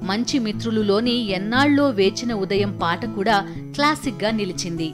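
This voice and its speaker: A woman narrates a television documentary in a measured, formal storytelling delivery. Her pitch sits in the middle range. Loud music plays behind her throughout. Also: lively intonation.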